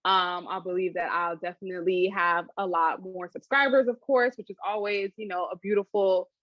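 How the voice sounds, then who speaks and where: Female interviewee, mid-pitch, chatty and animated, laughs a lot; dry, slightly dull recording. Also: moderate pace, no echo. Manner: chatty, animated, laughs often, many fillers. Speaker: interviewee, food channel creator. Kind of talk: casual interview answers.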